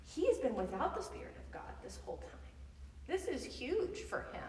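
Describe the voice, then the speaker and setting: A woman leading a Bible study in a casual, chatty way, full of loose asides and quick laughs. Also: high voice, sing-song, a little mellow, roomy sound, big-room sound, far from the mic, a little hiss or hum, poor audio.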